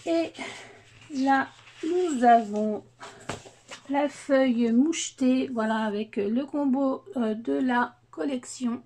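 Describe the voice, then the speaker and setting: A woman's voice: high voice, slow pace, warm tone. A woman casually showing craft papers, hesitant and full of fillers, gushing over the patterns. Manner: hesitant, many fillers, enthusiastic about papers. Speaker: crafting vlogger. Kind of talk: casual unboxing chat.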